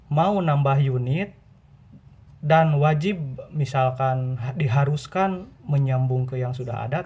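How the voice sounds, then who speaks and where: Giving buying tips in an informal tutorial, a man with a mid-range voice explains things patiently, repeating and rephrasing his points. The recording sounds muffled.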